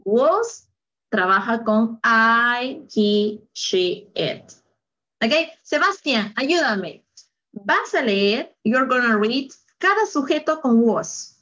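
Woman teacher, upbeat, encouraging, slow careful delivery, slightly high voice, muffled video-call sound. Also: expressive, a bit bright. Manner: upbeat, praising, mixes Spanish and English, laughs often. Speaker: English teacher. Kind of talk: live online English lesson.

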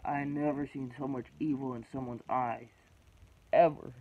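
A man in his twenties telling a personal story, blunt and halting, swearing often, with strong emotion. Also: fairly even intonation. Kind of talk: personal testimony to camera. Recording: dull low-fi recording with background noise.

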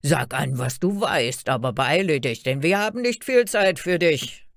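Woman voicing sneering old guards, loud and gruff. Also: mid-range voice, slow pace, no room sound, studio quality, voice pushed up, natural voice. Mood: scornful shouting. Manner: loud, harsh and mocking. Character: gruff shouting old male gate guards.

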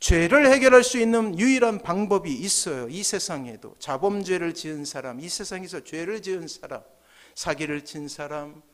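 A South Korean pastor preaches a sermon from the pulpit of a church sanctuary, captured through gooseneck podium microphones. His voice is high-pitched and his delivery emphatic, at a normal speed.

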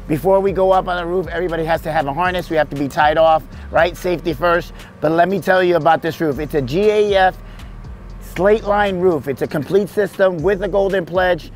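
Outdoors on a house roof and front yard, this forties-aged roofing contractor and channel host keeps his casual on-site vlog upbeat and salesy, addressing viewers as "guys." His voice sits high and moves a little fast. Background music runs beneath him, with slight background noise.

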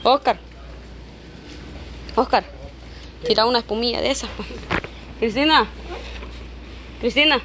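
A woman's voice: a little high, unhurried, long pauses. Woman vlogger, casual and joking, handheld camera, noisy shop around her. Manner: playful, calls out names, laughs often. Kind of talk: casual vlog chat. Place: large indoor variety store.

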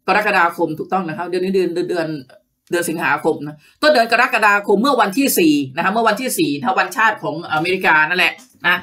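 A woman's voice: on the low side, sharp tone, recorded from a distance. A woman hosting a political commentary show, mocking her targets with a sarcastic, scornful delivery and constant polite particles. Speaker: host of a political commentary page.

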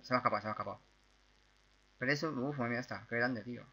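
A young man from Spain with a Spanish accent, chatting his way through a video game with excitable outbursts and repeated words. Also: medium pitch, very fast. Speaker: gaming YouTuber. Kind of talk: casual gameplay commentary.

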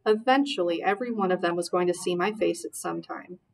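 A woman's voice: fairly low pitch, a little fast, creaky, a little hiss or hum. Woman reading a novel aloud, a bit off-mic. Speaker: reader. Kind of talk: audiobook narration. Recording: voice distant from mic.

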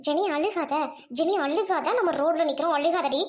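A woman voicing a bossy young college girlfriend in a much lower voice than her own, talking in a scolding, brash and dismissive way. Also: normal speed, loud music behind the voice. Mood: soothing. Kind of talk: Tamil audio drama acting.

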